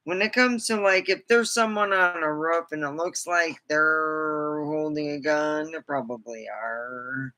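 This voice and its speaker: A livestream host with a bright, edgy voice talks at a slow, unhurried pace. The delivery is casual and rambling. Thoughts drift loosely from one to the next. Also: mid-range voice, steady tone.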